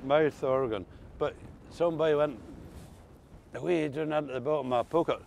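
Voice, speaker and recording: A man's voice: a little high, fairly quick, vocal fry, a little mellow, slight background noise. An older man with an Ulster Scots accent, reminiscing in a casual chat with folksy, dialect-rich storytelling. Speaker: interviewee recalling old country life.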